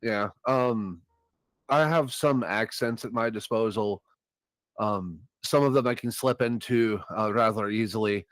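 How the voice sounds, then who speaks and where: Low-voiced laid-back streamer. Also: male voice, measured pace, dry recording. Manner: relaxed, many filler ums. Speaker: streamer painting miniatures. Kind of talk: casual voice-chat banter.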